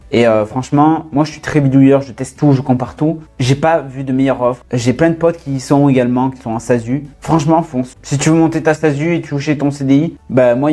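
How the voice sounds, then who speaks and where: Young adult man, relaxed mellow voice, informal vlog delivery full of fillers. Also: mid-range voice. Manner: fast casual, many fillers, addresses viewer as "tu". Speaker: freelance content creator. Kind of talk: casual talking-head vlog.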